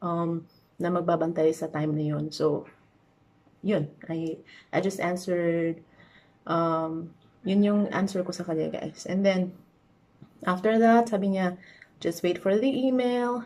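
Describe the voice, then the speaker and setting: A woman's voice: fairly low pitch, steady tone, measured pace, long pauses, darkish tone. A young Filipino woman with a Filipino accent, chatting casually to her viewers with lots of fillers. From Philippines. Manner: chatty, mixes English and Tagalog, many fillers. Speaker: vlogger. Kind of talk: casual chat.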